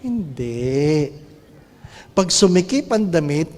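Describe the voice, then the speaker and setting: A priest giving a sermon, playful and animated, firing off rhetorical questions to the congregation. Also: male voice, on the high side, takes it slowly, big-room sound.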